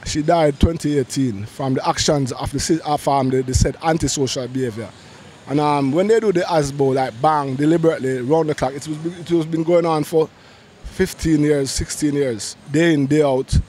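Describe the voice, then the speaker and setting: Out on a busy city street, a middle-aged interviewee gives emotional testimony into a close-held handheld mic, his warm, slightly high voice at a moderate pace. He talks urgently and keeps restarting phrases while faint traffic hums in the background.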